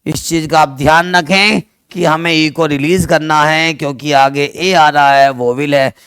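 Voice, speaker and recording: A man teaching a chemistry class online, mixing two languages, speaking loudly and affectionately to his students while asking them questions and answering them himself. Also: on the high side, steady tone, unhurried, clear, resonant tone, no echo, studio quality. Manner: affectionate, calls students "dear children".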